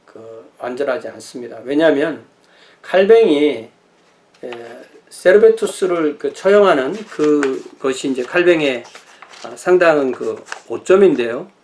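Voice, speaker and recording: A man's voice: fairly high pitch, animated, unhurried, a little mellow, a little hiss or hum. Middle-aged male pastor, history lecture, hesitant and self-correcting delivery, filler-heavy. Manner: thinking aloud with many fillers and self-corrections. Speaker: pastor teaching church history.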